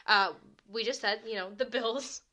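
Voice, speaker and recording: A woman's voice: fairly high pitch, normal speed, sharp tone. A woman in her twenties co-hosting a podcast, chatting casually with lots of "like" and laughs. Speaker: podcast co-host. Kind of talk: casual chat.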